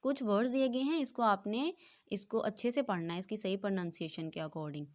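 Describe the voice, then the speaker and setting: Woman, school teacher, recorded lesson, medium pitch, explains then reads aloud slowly. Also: a little mellow. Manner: explains in Hindi, reads English text slowly.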